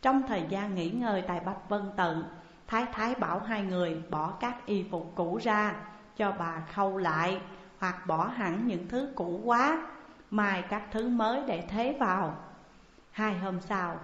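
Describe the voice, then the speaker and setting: A woman tells a martial arts tale as an audiobook narrator, reading at a steady, even pace in her mid-range voice. The recording sounds like a large echoey hall, and the sound is dull and lo-fi. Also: medium pitch, unhurried. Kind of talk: scripted narration.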